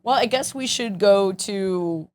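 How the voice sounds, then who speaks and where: A woman co-hosting a comedy podcast, quick and teasing, bluntly joking with her co-hosts. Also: mid-range voice, darkish tone. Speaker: podcast co-host. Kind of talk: casual comedy chat.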